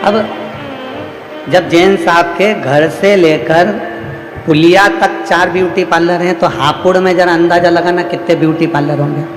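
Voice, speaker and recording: A man's voice: on the high side, fairly even intonation, normal speed, music in the background. A man preaching a devotional sermon to a large gathering, with repetitive, rhythmic, emphatic phrasing. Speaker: preacher telling a religious discourse. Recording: echoey hall with long reverb.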